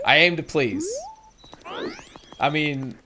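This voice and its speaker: A man's voice: fairly high pitch, very slow, background noise. A man giving casual, rambling and self-deprecating commentary while streaming a game. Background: game music.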